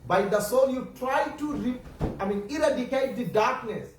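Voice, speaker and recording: Speaking English though Bengali is his first language, a very high-voiced Islamic preacher gives children a sermon, stumbling and repeating phrases as he searches for words and keeps asking them questions. It's recorded from afar in a reverberant room with slight noise.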